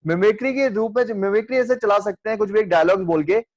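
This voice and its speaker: A man with a high, quick voice lectures a class on radio, running through examples and tossing questions at the students. The sound is close and dry, with no room around it. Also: no room sound, low-quality recording. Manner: explains with hypothetical examples, asks the class questions. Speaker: radio teacher.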